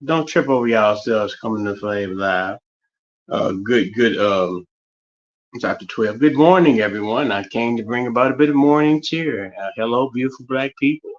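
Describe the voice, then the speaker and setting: A man's voice: mid-range voice, normal speed, lo-fi sound. A man with a West Virginia Appalachian accent rambling through a casual livestream monologue, often repeating and restarting his phrases. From West Virginia, United States.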